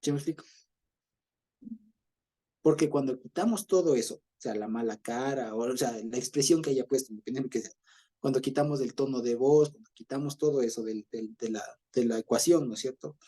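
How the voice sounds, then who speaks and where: Ecuadorian guy leading bible study, warm mellow voice, casual and chatty, keeps asking if you follow. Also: mid-range voice, fairly quick, husky. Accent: Ecuadorian Spanish. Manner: chatty, keeps checking understanding, chuckles often. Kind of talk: conversational Bible teaching.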